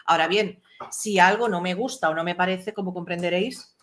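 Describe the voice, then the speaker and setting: A woman's voice: lowish voice, brisk, fairly bright tone, slight background noise. A woman from the Valencian Community joining a live chat by video call, firm and plain-spoken. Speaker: guest on live chat show.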